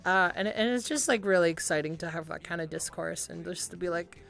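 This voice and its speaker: A young woman chatting casually to viewers on a livestream in a cute, bubbly anime-streamer manner, excitable, giggly and rambling. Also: on the low side, fairly quick, vocal fry. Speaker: music streamer, VTuber.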